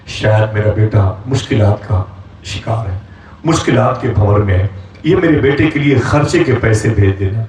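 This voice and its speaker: A man's voice: on the low side, a little mellow, slight background noise. A man preaching a sermon in style, telling a story dramatically and acting out its characters with rising, impassioned delivery. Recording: echoey hall, speaker far from mic.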